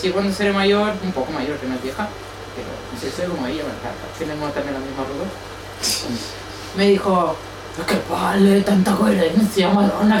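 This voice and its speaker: A young woman, sharing in a group circle, hesitant and searching, with many restarts. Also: medium pitch. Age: young adult. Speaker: group participant. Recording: echoey room from far off, background noise.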